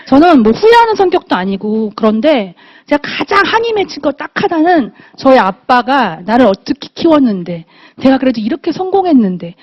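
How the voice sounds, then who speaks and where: Middle-aged woman telling a heartfelt story on stage, bit high voice, acts out the dialogue, muffled lo-fi sound. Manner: emotional storytelling, acting out quoted dialogue. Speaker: motivational speaker. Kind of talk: testimonial speech to an audience. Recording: dull lo-fi audio.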